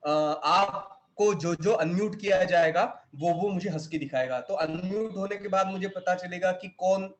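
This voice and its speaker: An animated man with an Indian accent runs a children's acting class over a video call, acting out laughs as he teaches. His voice sits fairly high for a man and stays lively. The sound has the closeness of a home video-call mic. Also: measured pace, few pauses. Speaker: acting teacher at an online kids' camp. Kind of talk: online class, mixing Hindi and English.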